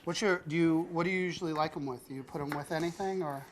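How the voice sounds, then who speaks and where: A man's voice: a little high, quick pace, slight background noise. A man hosting a cooking show, teaching a child with playful jokes and frequent laughs. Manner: joking, laughs often, talks to a child as "buddy". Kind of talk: teaching kids to cook, playful banter.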